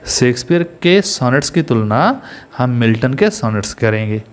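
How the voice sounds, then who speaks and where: A man's voice: mid-range voice, very animated, normal speed. A man with an Indian accent teaching an English grammar lesson, explaining step by step and asking his students questions as he goes.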